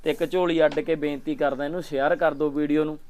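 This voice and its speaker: Speaking fast and flatly, a young man with a slightly high, darkish, clean voice makes a vlog appeal outdoors at a village home. The charity vlogger, from Punjab, India, grips a handheld mic and keeps pleading for help for the poor family, asking people over and over to share and help.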